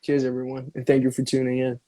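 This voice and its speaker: Actor, mellow dark tone, playful rambling live-stream banter. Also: male voice, medium pitch, monotone, fast talker. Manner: playful, rambling, often laughing. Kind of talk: casual joking chat.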